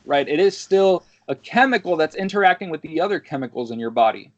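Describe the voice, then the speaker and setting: A man in his twenties talks in a loose, rambling way, often tagging his points with a quick question and swearing casually. His voice sits a bit high for a man. The recording is dry with no room sound and a muffled, lo-fi tone. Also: animated, no room sound. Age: 20s. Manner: rambling, with frequent "right?" tags and casual swearing. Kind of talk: casual podcast conversation. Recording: dull, dry lo-fi audio.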